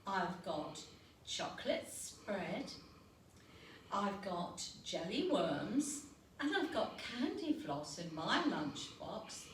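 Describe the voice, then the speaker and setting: A woman's voice: medium pitch, sing-song, drawn-out words, fairly bright tone, full character voice. A woman voicing a cheerful, innocent little dandelion schoolboy in a storybook, earnest and childlike. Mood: beaming, proud. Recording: roomy, noisy recording, distant mic.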